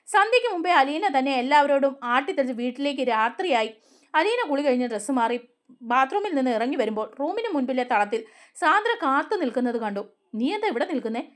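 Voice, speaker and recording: Female storyteller, high voice with lots of melody, reads a serial story. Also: fairly quick. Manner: expressive storytelling. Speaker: story narrator. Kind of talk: reading a serial story aloud.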